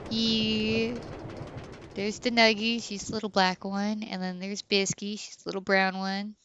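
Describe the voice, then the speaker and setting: A woman's voice: mid-range voice, little pitch movement, measured pace, fairly bright tone, smooth, dull audio. A woman in her thirties streaming a game, chatting candidly and rambling with many fillers. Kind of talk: casual chat while streaming a game.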